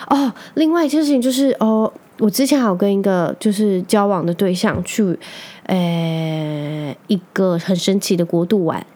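A woman hosting a podcast alone, chatting casually and telling stories with lively quoted outbursts. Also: medium pitch. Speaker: podcast host. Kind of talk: casual solo chat.

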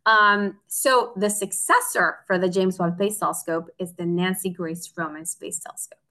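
A woman's voice: lowish voice, fairly even intonation, moderate pace, bright, forceful tone. A woman, a guest telling her story in an earnest, heartfelt way in a casual interview. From Mexico. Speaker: guest, optical engineer.

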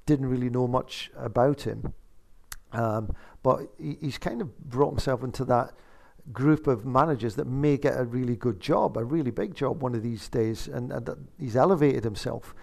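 A man's voice: medium pitch, moderate pace, vocal fry, darkish tone. A man giving conversational football analysis as a pundit, hesitating and repeating words as he thinks.

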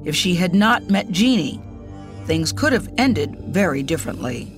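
Woman doing news narration, steady and serious, music bed loud underneath. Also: lowish voice, moderate pace.

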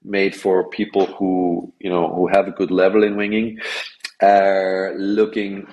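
Speaking as a podcast guest, this Austrian-accented wingfoil tour director in his forties has a low, darkish voice and a completely flat, slightly slow delivery. The sound is lo-fi, and his casual talk is full of fillers and restarts.

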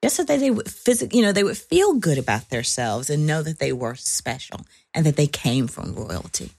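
A woman talking casually on a panel as a parent, halting as she thinks aloud and acting out quotes. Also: low-pitched, big pitch swings, gravelly, a little mellow, breathy edge.

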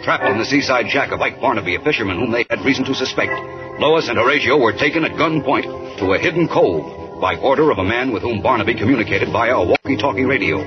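A man's voice: medium pitch, expressive, fast talker, lo-fi sound, music in the background. A man narrating an old radio drama in a dramatic, suspenseful, scripted announcer style.

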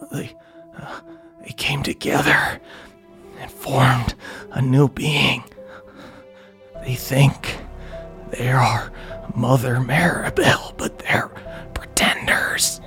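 A man voicing a lost, wounded fungal creature in a breathy whisper during a tabletop game. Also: mid-range voice, steady tone, very slow, pauses often, bright, forceful tone, soft background music, full character voice. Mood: hushed, mournful.

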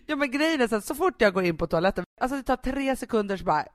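A woman's voice: on the high side, expressive, no echo, clean studio sound. A woman in her thirties, mother of a nine-year-old, co-hosting a casual chat and laughing while she tells family stories. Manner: laughs often, acts out family scenes. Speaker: podcast co-host.

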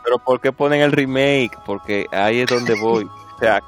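Man, average pitch, grumbling co-host, repeats words, faint music underneath. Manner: quick to complain, repeats words. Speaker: podcast co-host. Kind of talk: casual chat.

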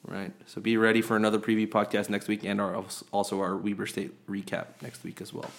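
A man with a fairly low voice co-hosts a sports podcast, talking in a loose, rambling way. He chats casually, stacking fillers and restarting his sentences as he goes. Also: completely flat delivery, brisk, gravelly. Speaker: podcast co-host. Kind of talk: casual chat.

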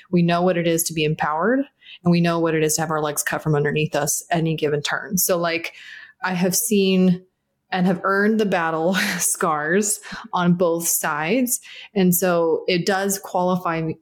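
A woman with a fairly low voice talks as a podcast guest. She is animated and candid, and she laughs often as she tells her story. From South Florida, United States. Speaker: guest, agency founder. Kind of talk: casual podcast interview.

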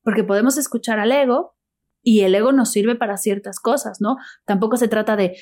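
A woman, speaking calmly and reassuringly as host of a reflective conversation. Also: on the high side, fairly quick. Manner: calm, reassuring, speaks about intuition and ego.

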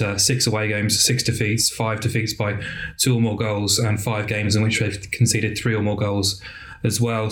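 Flat-voiced football pundit. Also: male voice, lowish voice. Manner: measured, repeating words as he builds points. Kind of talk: casual podcast analysis.

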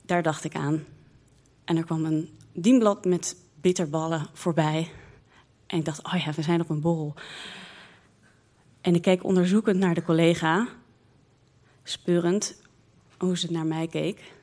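A woman slowly and expressively telling a personal childhood story in the first person. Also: deep voice. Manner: slow, lively, expressive storytelling.

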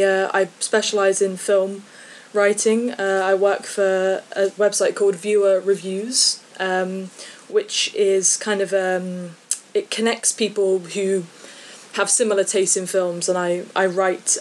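A woman from the English Midlands with an English accent, a guest chatting casually on a podcast and pausing often with fillers. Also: mid-range voice. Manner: hesitant, many fillers. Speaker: podcast guest, film journalist. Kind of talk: casual chat.

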